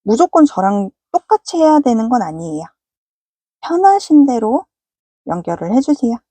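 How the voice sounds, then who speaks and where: A woman's voice: fairly high pitch, big pitch swings, moderate pace, mellow, husky, no room sound. A woman giving a patient, polite step-by-step crochet tutorial. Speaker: crochet instructor.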